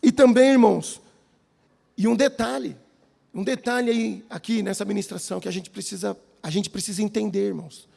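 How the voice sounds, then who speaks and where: A high, creaky male voice at a moderate pace carries this sermon, delivered with a Brazilian Portuguese accent in a church hall. Lively throughout, the preacher tells personal stories and keeps calling the audience brothers.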